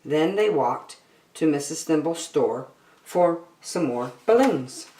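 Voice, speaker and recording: A deep-voiced woman takes her time reading a children's story to young listeners, using expressive narration and dramatic phrasing. The recording sounds roomy and carries a little hiss or hum.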